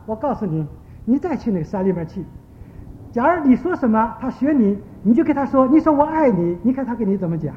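A man voicing a patient mother gently teaching her son a lesson. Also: extremely high pitch, big pitch swings, fast, big-room sound, narrow, tinny audio, slight background noise. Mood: gentle. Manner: gentle, soft-spoken.

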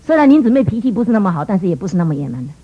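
A middle-aged woman shares a church testimony at a quick clip, her voice somewhat husky. She tells her story earnestly and acts out the dialogue as she goes. The recording sounds dull and lo-fi. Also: mid-range voice, big pitch swings. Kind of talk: emotional personal testimony.

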